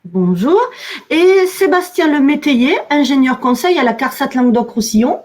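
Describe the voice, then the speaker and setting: A woman with a southern French accent from the Midi-Pyrénées introduces and moderates a webinar, speaking in a measured way with frequent fillers. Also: sits high, animated, darkish tone. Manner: measured, with frequent "alors" and "euh". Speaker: webinar moderator, communications officer.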